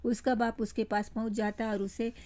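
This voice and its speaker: A woman's voice: fairly high pitch, fairly quick. Woman teacher reading a play aloud. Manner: steady narrating voice, stops to explain.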